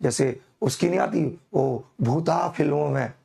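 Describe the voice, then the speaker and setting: Hoarse, gravelly chemistry teacher. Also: male voice, on the high side, warm tone. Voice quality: gravelly, echoing double voice. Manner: slow, coaxing, calls students "beta", laughs at himself. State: hoarse from a throat infection. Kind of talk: online live class.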